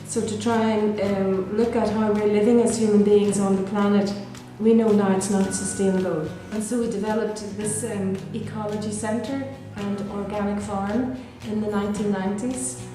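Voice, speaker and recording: Heavy echo and distinct background music surround a middle-aged woman, a Dominican sister with a Belfast accent from Northern Ireland. Speaking gently and reflectively about her life in an interview, she keeps her pitch steady, breaking off with ums and restarting her sentences.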